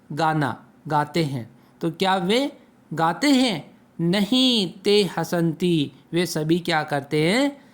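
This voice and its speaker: A man teaching a Sanskrit lesson to children, patiently asking questions and answering them himself. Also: sits high. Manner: slow, patient, asks and answers own questions.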